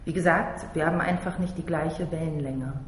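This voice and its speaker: A man's voice: a little high, fairly even intonation, moderate pace. A man from Berlin reading a first-person story aloud in a blunt, slangy, tough-talking way. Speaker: narrator. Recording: roomy hall reverb, faint noise.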